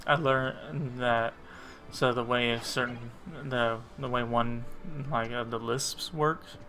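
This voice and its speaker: A man's voice: medium pitch, fairly even intonation, slow pace, sharp tone, soft background music. A man chatting casually with a friend during a game stream, laughing often and using lots of fillers. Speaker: co-host friend. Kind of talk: casual gaming chat.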